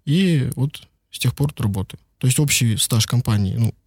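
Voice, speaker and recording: A law firm partner who lives and works in Beijing answers interview questions loosely and conversationally, with lots of filler words. His mid-range voice is slightly rough and moves at a normal speed. The recording is clean studio sound with no echo.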